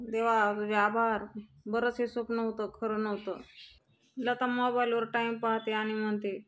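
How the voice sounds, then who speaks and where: A woman narrating a recap of a television serial episode, reading out the characters' lines with mild emphasis. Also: a little high. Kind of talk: storytelling recap with voiced quotes.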